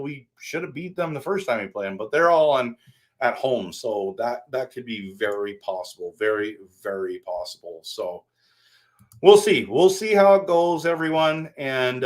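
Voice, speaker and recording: A man hosting a casual live stream, rambling and answering his viewers by name while standing at his desk. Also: mid-range voice.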